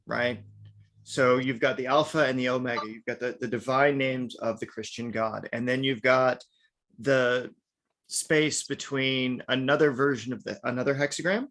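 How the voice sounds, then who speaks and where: A man with a medium-pitched, fairly bright voice teaches an online workshop class. His lecturing style is chatty, and he keeps dropping in "right?" and "now."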